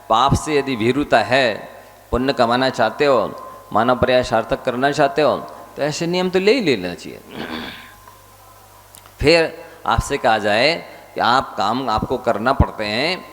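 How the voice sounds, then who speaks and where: A male monk preaches a Jain sermon at a middle pitch, pressing his listeners with rhetorical questions. His voice carries a long hall reverb. A faint hum sits underneath. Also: expressive, unhurried, a bit bright. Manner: exhorting, rhetorical questions to audience.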